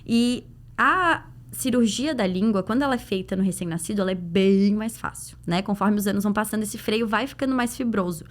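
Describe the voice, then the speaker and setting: Speaking a little fast in a mid-range voice, a pediatric dental clinician with a Brazilian Portuguese accent is interviewed on a podcast. She explains her points in a conversational way and backs them up with examples.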